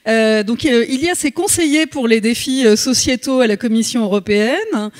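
A woman's voice: fairly high pitch, moderate pace. A woman hosting a live conference session, hesitant and full of filler sounds. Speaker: event host.

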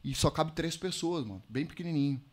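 A man, a podcast guest telling a personal story in a slangy, animated way. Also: on the high side, fairly quick. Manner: animated storyteller, slangy, calls listeners "mano". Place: podcast studio.

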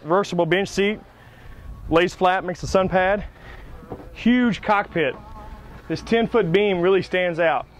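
A man hosting a boat dealer's video, giving an upbeat, salesy walkthrough of a boat. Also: high-pitched. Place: outdoors at a marina on a boat.

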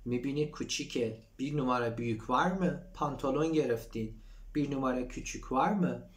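Man teaching Turkish phrases. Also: mid-range voice. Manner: reads Turkish lines aloud, then explains them in Persian. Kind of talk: explaining a textbook dialogue.

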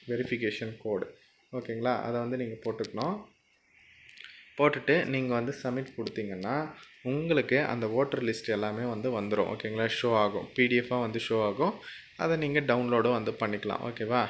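Slight background noise accompanies this man's mid-range, fairly bright voice. Hosting a casual screen-recorded tutorial for his channel, he walks the viewer through every step in a chatty way, repeatedly asking "okay?"

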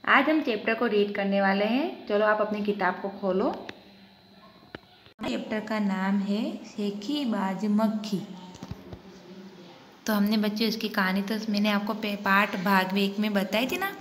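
A woman's voice: medium pitch, a little slow. A woman Hindi teacher giving a lesson, explaining step by step and repeating questions to the children. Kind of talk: online class lesson. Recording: echoey room with faint hiss.

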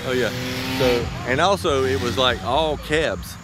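A man's voice: medium pitch, unhurried. Man interviewer, casual and playful, outdoor mic with insect hiss behind. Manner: chatty, playful, laughs easily. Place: outdoors by railroad tracks. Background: crickets and insects.

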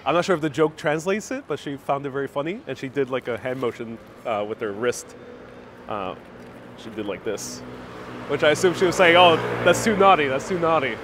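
A man's voice: mid-range voice, moderate pace, noisy background. Male travel vlogger, 30s, from Puerto Rico, casual walking commentary into a handheld phone outdoors. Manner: chatty, explains and translates as he walks. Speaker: travel vlogger live-streaming. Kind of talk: casual live-stream narration. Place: outdoors on a city street beside a market. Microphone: phone held at arm's length.

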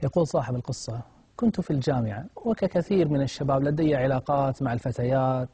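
A man's voice: medium pitch, fast talker, mellow, dull audio, a little hiss or hum. A man preaching a moral sermon, telling a story in a dramatic, impassioned way that swells at emotional moments.

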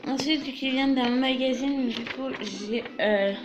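A woman's voice: high voice, fairly even intonation, unhurried, highs cut off, music in the background. A young woman showing her fan collection to the camera in a casual show-and-tell, chatty and full of filler words, recorded in a small room. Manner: chatty, leans on fillers like "voilà" and "du coup".

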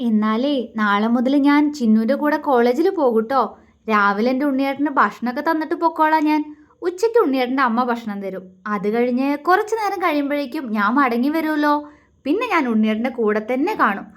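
A woman voicing an affectionate, playful young wife who coaxes and teases gently. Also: sits high, animated, a little fast. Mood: sweet. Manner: coaxing, sweet and teasing.

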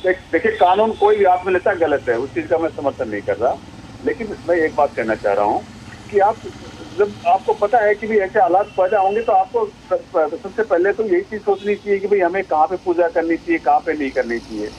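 A man joins a heated TV debate over a remote link, defending his side. His voice sits fairly high, and he keeps repeating short phrases to break in. Faint background noise runs under him. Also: expressive, brisk, darkish tone, low-quality recording. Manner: defensive, repeating himself, trying to get a word in. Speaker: debate guest, party spokesman.

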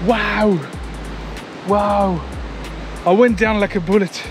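A Frenchman in his thirties vlogs on a jungle trail, holding an action camera at arm's length, sweaty and a bit winded from the climb. His high voice takes things slowly over background music as he excitably chats, calls his viewers "guys," and swears.

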